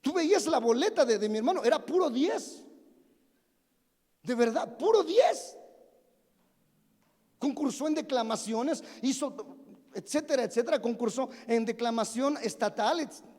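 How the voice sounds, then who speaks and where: A man's voice: extremely high pitch, moderate pace, darkish tone. A pastor in his forties preaching a sermon, telling humorous stories about himself and asking the congregation questions. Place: church sanctuary. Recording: long reverb of a church hall.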